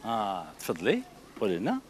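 Lively Algerian man hosting a kids' show. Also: on the low side, fast, a little hiss or hum. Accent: Algerian Arabic. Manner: cheerful, praising and coaxing children. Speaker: children's TV host. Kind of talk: lively children's TV studio talk.

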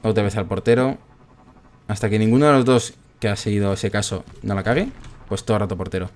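A man casually commentating his own gameplay, chatty and excitable, groaning at every miss. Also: lowish voice, fast talker. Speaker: gaming streamer.

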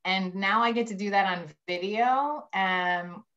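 A woman's voice: mid-range voice, a little slow, a bit bright. Woman priest chatting, slightly dull call audio. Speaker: priest, interview guest. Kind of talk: casual explanation for children. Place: indoors, on a video call.

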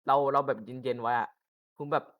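A man's voice: mid-range voice, steady tone, a little fast, narrow, tinny audio. A young man casually teaching game tactics, rambling with fillers and crude swearing. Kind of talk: casual informal tutorial.

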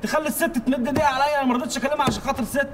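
A man's voice: very high-pitched, fairly even intonation, racing. A man with an Egyptian accent, a taxi driver caught in a hidden camera prank, complaining and pleading with exasperation. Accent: Egyptian Arabic. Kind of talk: exasperated street talk. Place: inside a car. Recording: noisy, reverberant hidden camera audio.

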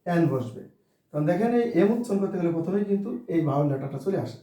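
A man's voice: high-pitched, lively intonation, rapid-fire, warm tone. Man teaching in a very echoey room. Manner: spells words letter by letter, asks and answers own questions. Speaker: English teacher. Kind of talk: spoken English lesson. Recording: distant mic in a very echoey room.

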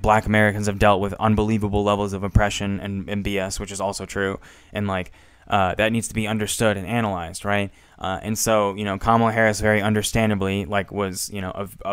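A young male political commentator rambles in frustration about a debate, halting often, leaning heavily on fillers, and swearing now and then. His fairly low voice has a clear, resonant tone, captured in a dry, studio-quality recording.

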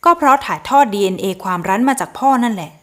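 A woman narrating an audio novel in a steady, even reading voice. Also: medium pitch, fast talker. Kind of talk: scripted storybook narration.

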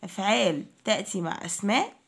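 A woman with an Egyptian Arabic accent teaching English words to children, slowly repeating each word and spelling it out letter by letter. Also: mid-range voice, animated, creaky.

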